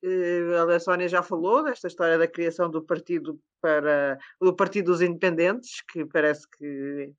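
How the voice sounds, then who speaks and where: A host with a European Portuguese accent, moderating a political panel in a brisk and pointed way. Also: medium pitch, fairly even intonation. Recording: slightly dull, lo-fi sound.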